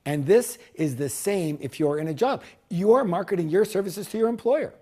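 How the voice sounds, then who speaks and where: A man pitching a business course as a seminar speaker, emphatic and salesman-like, repeating key words for punch. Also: animated, moderate pace, mellow.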